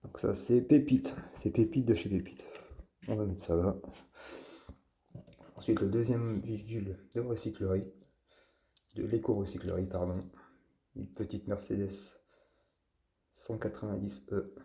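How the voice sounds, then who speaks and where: Male vlogger, gravelly, dark-toned voice, unhurried, hesitant delivery while presenting toy finds. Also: lowish voice, fairly even intonation. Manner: halting, with frequent fillers and restarts. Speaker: toy car collector and channel host. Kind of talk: casual show-and-tell vlog.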